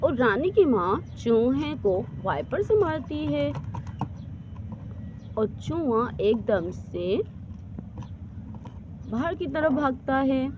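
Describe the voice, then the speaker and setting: A woman narrates a homemade doll story. Her voice is high and her pace slow and simple. The recording is dull and lo-fi, with loud background noise. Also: very animated.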